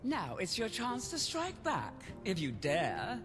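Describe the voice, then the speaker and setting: An actress playing a haughty, mocking dark elf woman in a fantasy video game, with a theatrical, sneering delivery. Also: medium pitch, wildly swooping pitch, slow pace. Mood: smug, rattled. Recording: game music behind the voice.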